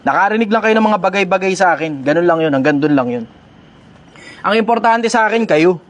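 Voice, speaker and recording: Blunt, high-voiced Filipino man swearing. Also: expressive, a little fast, slight background noise. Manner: blunt, swears freely, repeats lines for emphasis. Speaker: host answering viewer questions. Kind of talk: casual Q&A talk.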